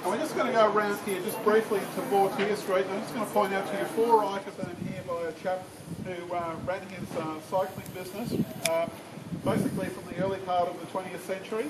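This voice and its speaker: A man's voice: sits high, steady tone, a little fast, a loud crowd, poor audio. Older Australian man guiding a street walk. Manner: reads aloud from notes, with many ums and restarts. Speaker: tour guide. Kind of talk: reading and explaining on a walking tour. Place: outdoors on suburban streets. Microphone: far camera. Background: street noise and traffic.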